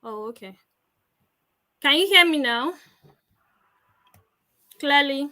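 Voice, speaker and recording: A woman's voice: high-pitched, lively intonation, slow, sharp tone. A woman hosting an online conference over a choppy video-call line that keeps breaking up. She politely checks that she can be heard. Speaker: host. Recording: distant, choppy call audio.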